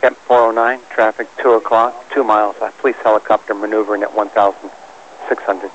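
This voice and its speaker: An airport tower air traffic controller gives clipped instructions over air band radio in a lowish, flat, brisk voice. The radio audio is muffled with faint static.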